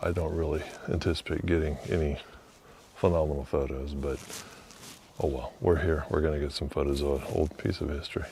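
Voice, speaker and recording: A man vlogging as he walks outdoors beside a river under an old bridge, musing quietly and thinking aloud with fillers. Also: a bass voice, fairly even intonation, brisk, a little hiss or hum. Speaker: vlogger exploring historic sites. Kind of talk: casual walking narration.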